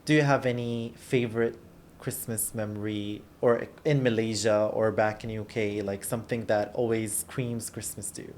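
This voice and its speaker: A man hosting a podcast, putting friendly questions to a guest in a relaxed interview. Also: lowish voice, normal speed. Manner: friendly, question-led, occasional restarts. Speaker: podcast host. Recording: faint background noise in a studio.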